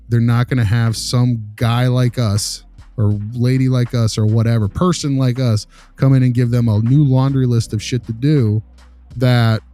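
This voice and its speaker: A man of medium pitch and dark tone leads an informal panel going over clinical cases. As host, he's blunt and casual, pushing the other participants with questions.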